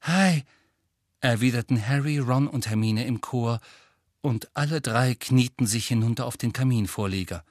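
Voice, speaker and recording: A man reading an audiobook in a lively way, voicing each character. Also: medium pitch, normal speed, no echo, studio quality. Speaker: audiobook narrator. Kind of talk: scripted audiobook narration.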